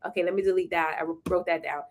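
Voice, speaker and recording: A woman co-hosting a casual chat who talks quickly and enthusiastically and laughs easily. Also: fairly low pitch, fairly even intonation.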